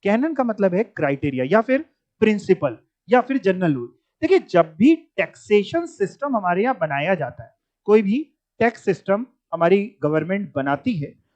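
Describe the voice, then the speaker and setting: A man's voice: very high voice, no room sound. A male teacher giving a classroom lecture in a conversational way, mixing in English terms and teasing his students. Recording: dull, dry lecture audio.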